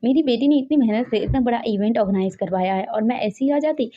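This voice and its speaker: A woman voicing a quick-tempered middle-aged mother who scolds her husband, in a dull lo-fi recording. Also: fairly high pitch, close to an everyday voice. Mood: indignant. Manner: indignant, scolding.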